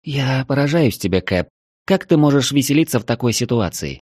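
A man's voice: medium pitch, expressive, fairly quick, darkish tone, no echo, studio quality, voice pushed up, natural voice. A male reader voicing a frightened young woman from the capital, anxious and pleading. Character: frightened young Moscow woman on a river trip.

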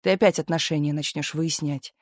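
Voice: medium pitch, steady tone, fairly quick, dry recording, clean studio sound, close to an everyday voice. A reader voicing a brash, defiant young male Komsomol member who talks indignantly. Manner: indignant, bold.

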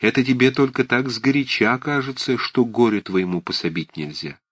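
A man's voice: a little high, expressive, measured pace, dry recording, voice pushed up. A man voicing a blunt, fussy elderly aunt who scolds and fusses with emphatic, agitated speech, read for an audiobook. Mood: coaxing. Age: older. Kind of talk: audiobook character reading.

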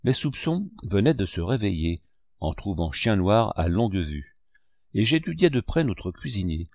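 A man narrating an audiobook in a steady, measured way. His voice is fairly low, and the recording is dry and close, with no room sound. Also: dry recording. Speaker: audiobook reader. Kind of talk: scripted narration.

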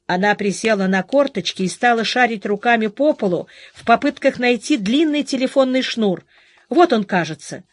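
A woman reads an audiobook in an even storytelling manner. Her voice is fairly high for a woman, and the recording is dry and close, with no room echo. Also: moderate pace. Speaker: audiobook narrator. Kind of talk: scripted narration.

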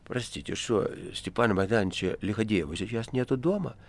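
A man's voice: lowish voice, brisk. A man voicing a flustered, irate male theatre administrator in an audiobook. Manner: excitable, shouting.

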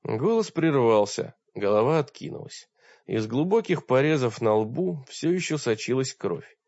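Male audiobook reader, steady storytelling, muffled and dry. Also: mid-range voice, measured pace, vocal fry, no echo. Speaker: audiobook narrator. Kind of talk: scripted narration. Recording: dull dry recording.

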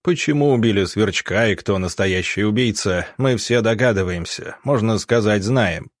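Grave male commandant, blunt, measured, low voice, audiobook role, as a male narrator puts him on. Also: no room sound, clean studio sound, close to an everyday voice.

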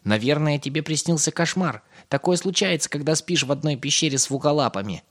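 A man's voice: a little high, lively intonation, a little fast, a bit bright, voice pushed up. A man doing a skinny creature friend, soothing.

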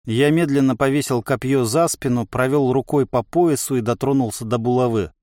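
A man's voice: mid-range voice, normal speed, darkish tone, dry recording. A man narrating a fantasy novel as an audiobook, in a dry, matter-of-fact way. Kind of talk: fiction narration.

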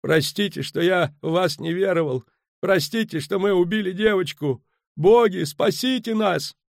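A man's voice: high voice, normal speed, vocal fry, dry recording, clean studio sound, pitched above the performer's own voice. A man voicing a frightened merchant who wails a pleading prayer. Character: wailing, frightened male merchant.

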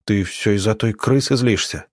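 A man's voice: on the low side, moderate pace, no echo, clean studio sound, natural voice. A man voicing a defensive teenage boy who snaps back in an audiobook. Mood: snappish. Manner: snappish.

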